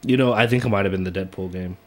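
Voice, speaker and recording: A man's voice: low voice, quick pace. A young adult man rambling in casual chat, swearing and trailing off. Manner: rambling, swearing, jumps into mock voices.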